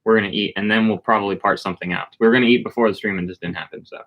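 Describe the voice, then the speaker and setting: A man's voice: on the low side, steady tone, rapid-fire, fairly bright tone. A man co-hosting a casual livestream, rambling and greeting viewers in the chat by name. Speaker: livestream co-host.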